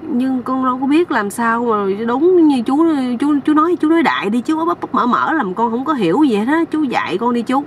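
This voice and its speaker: A woman's voice: on the high side, animated, moderate pace, slight background noise, natural voice. A woman with a Southern Vietnamese accent voicing a glum, naive young husband who pleads for advice. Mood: whiny. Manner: whiny, pleading.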